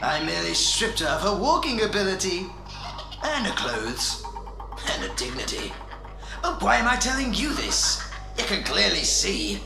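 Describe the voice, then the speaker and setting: Manic, creaky-voiced clown villain, the Joker. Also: male voice, sits high, huge pitch swings, normal speed, exaggerated voice, poor audio. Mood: gleeful cruelty. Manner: mocking, showman-like, cackling, wildly swooping. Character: manic, sadistic clown villain taunting with theatrical glee. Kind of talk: theatrical radio drama villain monologue. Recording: amateur radio drama under loud music.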